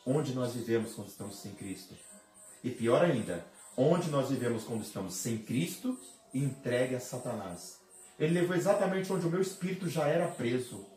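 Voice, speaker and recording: A man's voice: mid-range voice, animated, moderate pace, mellow, soft background music. A man's impassioned testimony, distant and roomy. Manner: dramatic, re-enacts his own cries and heartbeat. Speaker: pastor giving testimony. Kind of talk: emotional spoken testimony. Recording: roomy sound from a distant mic.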